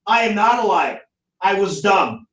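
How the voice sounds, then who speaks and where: A man from the United States teaching a class, animated and acting out the voices he quotes. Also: sits high, measured pace. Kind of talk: classroom lecture. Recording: echoey classroom from far off.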